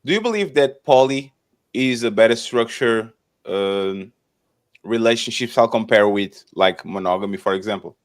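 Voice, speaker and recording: A man's voice: lowish voice, animated, moderate pace. A man moderating a casual live-streamed panel show, announcing upcoming episodes and introducing guests in a loose, repetitive way, often tagging sentences with "okay?".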